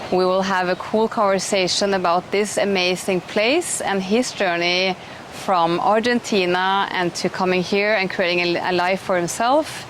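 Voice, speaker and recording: A middle-aged woman talks with eager enthusiasm at a mid-range pitch, often restarting her sentences. She is recorded outdoors, and steady noise runs behind her voice. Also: moderate pace, few pauses, low-quality recording. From Norway. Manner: chatty and enthusiastic, with frequent restarts and fillers. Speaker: host. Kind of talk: casual conversational interview. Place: outdoors in an eco village.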